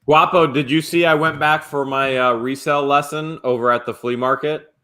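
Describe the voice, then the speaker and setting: A man's voice: mid-range voice, moderate pace. A man chatting on a live stream, telling a long story and acting out the quotes. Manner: animated storyteller, acts out quotes. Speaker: flipping channel host. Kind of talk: casual live-stream chat.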